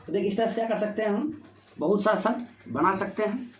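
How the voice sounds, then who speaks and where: A high-pitched man talks a little fast as he teaches Hindi grammar for board exams. He works through it step by step, questioning himself over and over and filling pauses with "ठीक है," while the room echoes and faint noise lingers.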